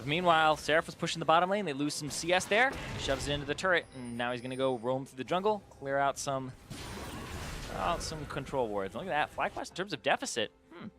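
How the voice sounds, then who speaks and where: A man's voice: fairly high pitch, animated, fairly quick, noisy background. Upbeat man doing esports color commentary. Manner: analytical, joking, laughs often.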